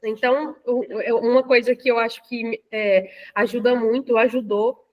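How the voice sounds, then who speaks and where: A woman's voice: on the high side, steady tone, normal speed, dull audio. A Brazilian woman talking casually in a lecture discussion, hesitant, with many fillers and restarts. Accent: Brazilian Portuguese.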